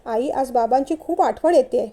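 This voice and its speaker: Woman doing timid teary young wife, hesitant, high soft voice, storybook. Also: normal speed.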